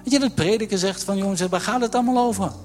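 A man preaching a lively sermon, acting out quotes and joking with the congregation. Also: sits high, fast talker, faint music behind. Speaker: pastor.

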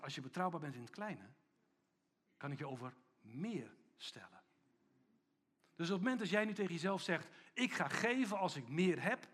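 Husky-voiced man preaching a sermon. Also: fairly high pitch. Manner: preaching with big swings between loud emphasis and hushed, intimate lines. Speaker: pastor.

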